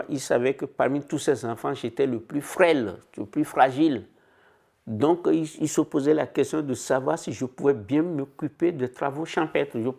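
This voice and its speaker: A man's voice: medium pitch, creaky, a little mellow. A man in his eighties reflecting on his childhood in an interview at home. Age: 80s. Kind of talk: testimony interview. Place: living room, indoors.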